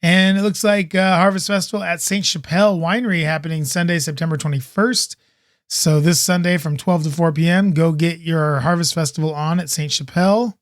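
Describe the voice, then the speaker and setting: A man hosting a laid-back podcast, with a voice pitched slightly higher than most men's. He talks in an upbeat, rambling way, often wandering off into little asides. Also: fairly even intonation, fairly quick, no echo, studio quality. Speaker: podcast host. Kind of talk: casual chat.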